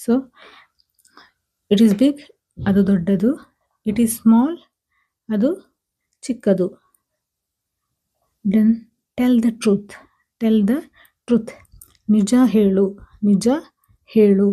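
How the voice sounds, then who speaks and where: Slow, dark-voiced woman teaching phrases. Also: medium pitch. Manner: says each phrase twice, slowly and patiently. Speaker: language teacher. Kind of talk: slow, repetitive language lesson.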